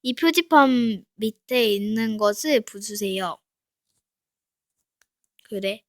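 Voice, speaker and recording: A woman's voice: a little high, lively intonation, slow, dry recording. A woman playing through a parkour map, chatting playfully to herself and her viewers as she goes. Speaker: game streamer. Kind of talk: casual Minecraft parkour playthrough commentary.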